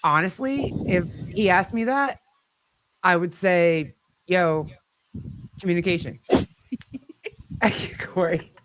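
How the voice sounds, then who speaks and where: A man's voice: high voice, lively intonation, drawn-out words, long pauses, background noise. A man hosting a casual live call-in stream, talking informally and swearing freely. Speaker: livestream host.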